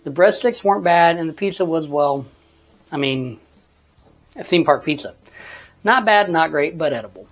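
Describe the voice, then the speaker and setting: A relaxed vlogger from Texas talks through theme park food in a casual review voice-over. The delivery is easygoing, with dry, wry asides dropped in along the way. The voice sits at an ordinary middle pitch. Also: moderate pace, pauses often.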